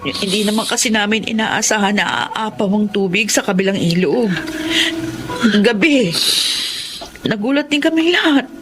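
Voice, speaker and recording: An actress playing a friendly village neighbor in an audio drama, speaking plainly. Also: female voice, medium pitch, moderate pace, long pauses, music in the background, natural voice. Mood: sorrowful. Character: village woman, neighbor who talks plainly.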